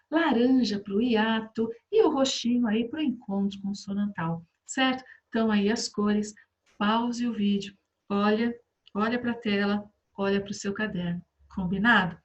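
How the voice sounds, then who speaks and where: A middle-aged Brazilian woman teaching a recorded class for children, coaxing and warm, full of tag questions. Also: a little high. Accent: Brazilian Portuguese.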